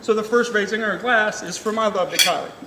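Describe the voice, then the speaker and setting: High-voiced father giving an echoey wedding speech. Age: middle-aged. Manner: emotional, halting, plain-spoken, salty and folksy. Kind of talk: informal father of the bride speech to a room. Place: large reverberant reception room indoors. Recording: echoey hall, distant mic, noisy room.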